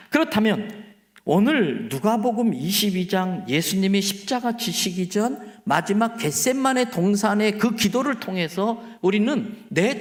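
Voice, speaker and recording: A male pastor preaching a revival sermon in a church, telling stories with animated swings and dropping to quiet asides. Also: high-pitched, vocal fry.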